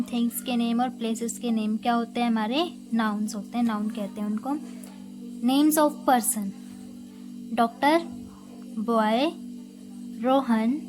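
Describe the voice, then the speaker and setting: A woman's voice: on the high side, steady tone, takes it slowly, long pauses, low-quality recording. A woman English teacher with an Indian accent teaching young children, mixing English and Hindi and listing example words one at a time. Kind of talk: recorded class lesson. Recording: music playing behind.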